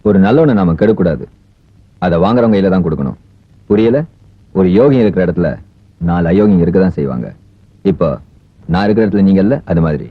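An actor playing a scheming crooked boss who talks in a sly, sneering way, in a film drama. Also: male voice, sits low, animated, a little fast, long pauses, husky, dry recording, phone-quality sound.

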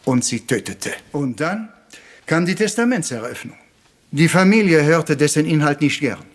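Hercule Poirot, the polite and theatrical little Belgian detective, speaks in a high, animated male voice, patient and self-assured. His delivery is courteous and deliberate, dramatic and explanatory, sprinkled with French words. It's a retro German crime radio play, with music playing beneath him.

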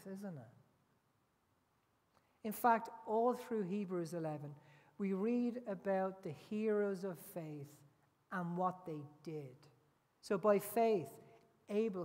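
Slow, deliberate male preacher in a reverberant hall. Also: sits high, a little mellow. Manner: deliberate, with rhetorical tag questions. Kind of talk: sermon. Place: large indoor church hall.

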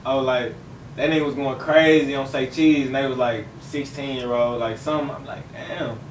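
A young rapper from Fort Worth, Texas, appears as a guest in a casual interview, speaking loosely with lots of slang and rambling fillers. His voice is mid-range with fairly even intonation and a moderate pace. The audio sounds roomy and distant, with a faint hiss.

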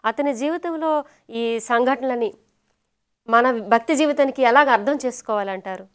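Female Bible study host, high-pitched, slow and measured reader. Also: smooth. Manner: slow, measured scripture reading and short affirmations.

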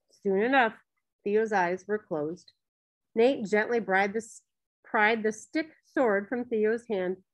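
Gentle woman reading a children's story. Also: fairly high pitch. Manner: gentle storytelling, briefly voicing characters. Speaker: audiobook narrator. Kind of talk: scripted narration of a children's novel.

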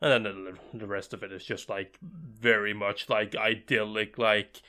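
A man's voice: lowish voice, fairly even intonation, a little slow, sharp tone. A man co-hosting a podcast in casual chat, sarcastic and swearing. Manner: sarcastic, swears, mimics characters. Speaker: podcast co-host.

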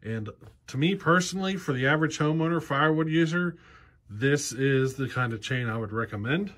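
Filmed up close on a handheld camera inside a cluttered workshop garage, this forties-aged chainsaw channel host talks in a slightly high, expressive, brisk voice with a fairly bright tone. He's practical and plain-spoken, explaining things casually with frequent ums and you-knows.

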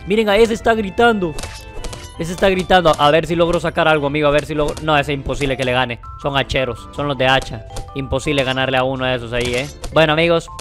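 Brief: young male gaming commentator, slightly high voice, chatty and excitable, faint music under him. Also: quick pace. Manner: excitable, chatty, addresses viewers as "amigo". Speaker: gaming youtuber. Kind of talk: gameplay commentary. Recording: faint game music behind.

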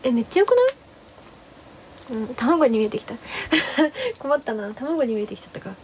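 A young woman livestreams in an animated, fairly quick voice that's on the high side with a darkish tone. Rambling and chatty, she talks about her day, greets viewers one by one, and refers to herself in the third person. There's slight background noise.

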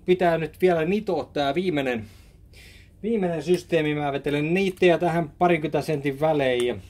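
Over background music, a somewhat high, slightly mellow male voice walks viewers through a set build in his small office studio. The video maker, in his thirties, keeps it casual and DIY, chatting on with plenty of rambling and restarts.

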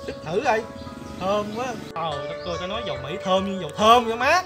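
A man's voice: high voice, animated, fast. A man playing a chatty, nosy older village flower seller woman with a Southern Vietnamese accent, exclamatory and gossipy in a comedy skit. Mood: excited, nosy. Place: outdoors in a palm garden. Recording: loud background music.

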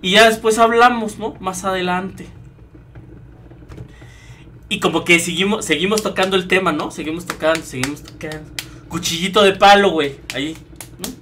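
A man's voice: sits high, normal speed, pauses often, a little hiss or hum. A young man with a Mexican accent, a streamer casually telling a story, slangy and full of swearing. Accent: Mexican Spanish. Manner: profane, slangy and animated.

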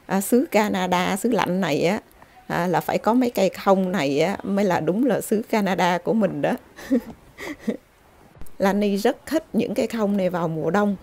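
Give me a woman narrating a casual vlog, filler-heavy, with a mellow, fry-tinged voice. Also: mid-range voice. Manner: chatty, filler-heavy, exclaims at scenery. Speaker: vlogger. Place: outdoors in a snowy park, then at home.

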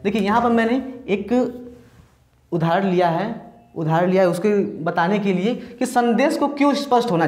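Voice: medium pitch, darkish tone. A teacher giving a step-by-step lecture, often repeating points and checking in with "ठीक" before moving on. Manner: mixes in English terms alongside Hindi ones. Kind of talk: recorded classroom-style lecture. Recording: echoey room.

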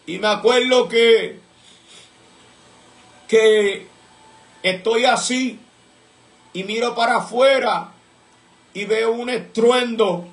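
A man's voice: very high voice, slow, long pauses, roomy sound. A man giving an earnest religious testimony, telling his story with repeated recollections and bursts of praise. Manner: fervent, breaks into praise mid-story. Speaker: church member giving testimony.

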